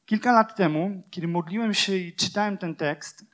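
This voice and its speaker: This high-pitched preacher keeps a moderate pace as he passionately delivers his sermon. Repetition and rhetorical questions drive it, and he shifts from loud proclamations down to quiet, hushed passages.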